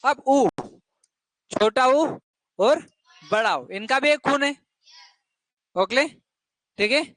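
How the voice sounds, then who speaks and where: A man's voice: very high-pitched, animated, takes it slowly, fairly bright tone, dry recording. Man teaching a class, dry room sound. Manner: repeats questions to the class, drills answers. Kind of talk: classroom lesson.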